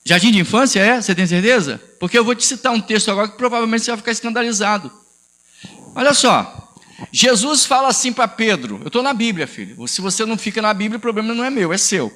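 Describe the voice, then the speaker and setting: Pastor guy on a live, high lively voice, bright, sarcastic and pushy. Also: fast talker. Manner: combative, ironic, calls listener "filho" and "amigo". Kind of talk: live-stream preaching and debate.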